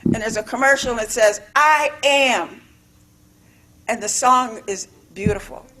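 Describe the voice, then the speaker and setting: A woman's voice: fairly high pitch, steady tone, normal speed, a bit bright. A woman giving an informal, rambling sermon in a church, stressing words and repeating herself. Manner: rambling, repetitive, emphatic. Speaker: spiritual living speaker. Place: church sanctuary.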